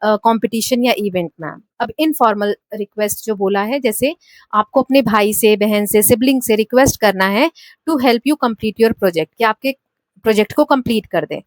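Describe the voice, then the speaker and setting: A woman teacher with an Indian English accent explaining a textbook lesson. She reads the English lines slowly and often checks in with her students. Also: a little high, no room sound.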